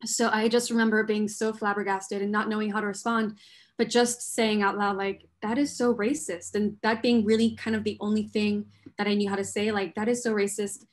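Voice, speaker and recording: A woman speaks on a panel discussion with an earnest, reflective tone. She tells a personal story at a mid pitch for a woman, often pausing with fillers and restarting her sentences. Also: flat delivery. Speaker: panel guest. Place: New York.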